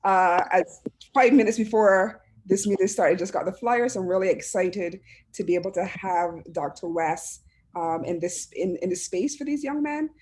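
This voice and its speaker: A woman's voice: medium pitch, normal speed, darkish tone. A woman from Barbados, speaking earnestly and from the heart as a panelist on a video call, often restarting her phrases. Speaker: panelist, education administrator. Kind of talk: reflective personal talk on a panel.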